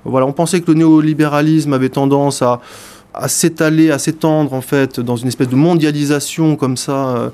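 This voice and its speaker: A male radio columnist talks through a book in a slightly high voice. He hesitates constantly, filling gaps with sounds and repeating words as he goes. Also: steady tone, moderate pace, a little mellow, clean tone. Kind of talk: spoken book review on radio.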